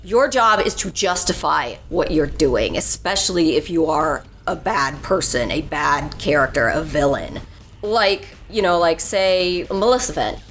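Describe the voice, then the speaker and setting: A woman's voice: sits low, unhurried, a little hiss or hum. A woman voice actor in a convention interview, speaking at length and acting out the lines she quotes. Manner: animated, talks at length with acted-out quotes.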